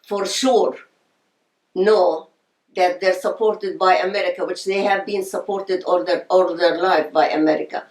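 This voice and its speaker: A woman's voice: on the low side, fairly even intonation, a little slow, a little mellow, roomy sound, poor audio. An older woman from Palestine, telling her story passionately in an oral history interview.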